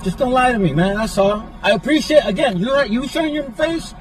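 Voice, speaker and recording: A man's voice: very high-pitched, brisk. A man in street video footage confronting officers, emphatic and confrontational but repeatedly polite. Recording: distant phone video with outdoor noise.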